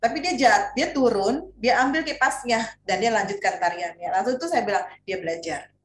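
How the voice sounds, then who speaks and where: A middle-aged woman tells parenting stories on a panel, quick and animated, with frequent fillers. Her voice rings in an echoey room. A faint ambient hum sits behind her. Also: fairly high pitch. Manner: animated storytelling with many fillers. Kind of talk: casual panel discussion.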